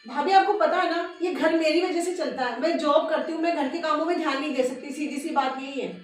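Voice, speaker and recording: In an amateur home family skit, a woman plays a proud younger daughter-in-law who has a job and keeps complaining. Her high-pitched, brisk, natural voice comes across sharp, recorded in a very echoey room with a distant mic and faint music.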